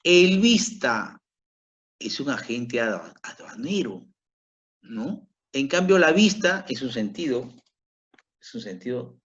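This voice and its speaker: Male teacher, middle-aged, unhurried, repeats and checks understanding; dull lo-fi sound. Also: mid-range voice, sing-song. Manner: slow, repetitive, checks in with "¿ok?". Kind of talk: grammar lesson. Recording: dull lo-fi recording.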